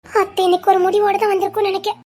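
A woman's voice: very high voice, little pitch movement, rapid-fire, warm tone. A woman voicing a shy young wife in a drama, hesitant and stammering.

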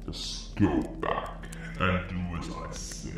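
A man voicing a commanding, cryptic demon lord of the underworld in an amateur cartoon skit, with stilted, hammy delivery and a gravelly voice. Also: takes it slowly, recorded from a distance, exaggerated voice. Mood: commanding, ominous. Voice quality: very deep, gravelly. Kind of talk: amateur animated skit acting. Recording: heavy echo, loud rumbling ambient noise.

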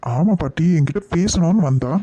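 A man's voice: on the high side, animated, moderate pace, mellow, dry recording. A man voicing a young, helpful nephew who asks concerned questions and then reassures. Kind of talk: cartoon voice acting.

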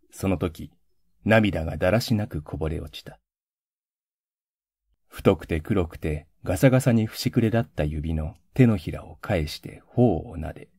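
A man, a voice actor, reading a period story in a calm, measured narration. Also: low-pitched, breathy edge, no room sound, clean studio sound.

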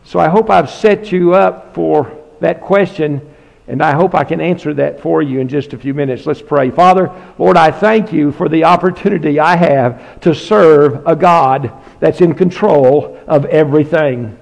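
A man with a high, gravelly voice preaches from the pulpit. His delivery is emphatic and folksy, and he leans on repeated phrases. The sound carries a long church-hall reverb. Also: moderate pace. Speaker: pastor. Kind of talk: sermon with prayer. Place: church sanctuary.

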